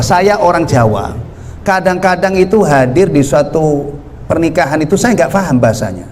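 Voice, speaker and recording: A man's voice: a little high, a little mellow. A man from Central Java, Indonesia, teaching a mosque study session in a conversational way, often asking the audience questions. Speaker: Islamic teacher.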